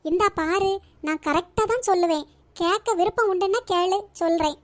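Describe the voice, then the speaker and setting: Cartoon role: scheming young gossip, insistent, very high voice, voiced by a woman. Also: moderate pace. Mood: sly. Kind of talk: cartoon voice acting.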